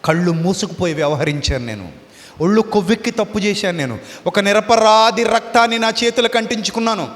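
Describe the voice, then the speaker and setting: A man's voice: high voice, animated, fairly quick, long reverb tail. A man acting out a broken, repentant king who pleads and confesses his guilt in a sermon. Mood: self-accusing. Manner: sobbing, pleading, repeating confessions. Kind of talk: dramatized sermon quotation.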